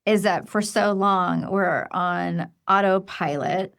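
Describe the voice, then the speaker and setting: A woman's voice: medium pitch, steady tone, slow pace, creaky, a bit bright. A woman hosting a podcast, enthusiastic and affirming, jumping in with eager questions. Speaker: podcast host. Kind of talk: conversational podcast interview.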